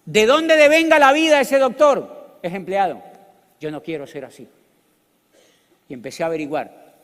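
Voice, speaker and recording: Colombian guy, middle-aged, high voice, animated storytelling, big hall echo. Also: normal speed. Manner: animated, joking, bursts into loud exclamations. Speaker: motivational speaker. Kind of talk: storytelling business talk. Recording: long hall reverb.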